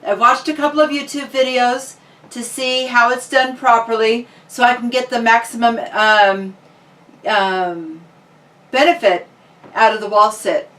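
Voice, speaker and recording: A woman's voice: fairly high pitch, fairly even intonation, measured pace, a bit bright. A woman talking casually and informally, like a fitness vlogger chatting to viewers. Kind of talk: casual vlog chat. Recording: distant microphone.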